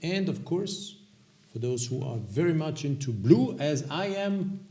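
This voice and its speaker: A man with an Austrian accent hosts a casual product video. His voice is mellow and soft-edged, with a marked gravelly fry. He presents in hesitant, halting phrases, speaking straight to his viewers. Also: on the high side, lively intonation. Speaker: watch review video host.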